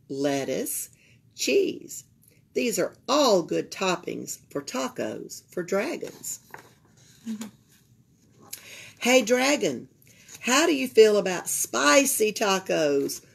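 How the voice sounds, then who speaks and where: An older woman with a Southern US accent and a slightly raspy voice reads a children's picture book aloud as a library storyteller, expressively, pausing to comment to young listeners. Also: medium pitch, darkish tone. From Alabama, United States. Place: indoors at a library table.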